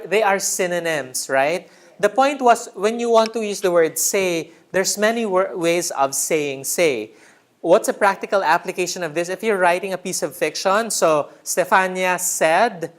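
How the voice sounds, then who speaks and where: A man's voice: sits high, a bit bright. A man training a writing workshop in a room, teacherly, repeating key words and checking in with the group. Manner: teacherly, checks in with "right?" often.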